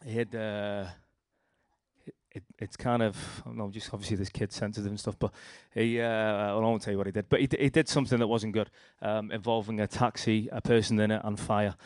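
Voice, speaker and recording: A young man with a Liverpool accent shares a rambling personal testimony in a lowish, flat, darkish voice at a fairly quick pace. The studio recording is clean with no room sound, and he restarts often and acts out quotes as he tells his story.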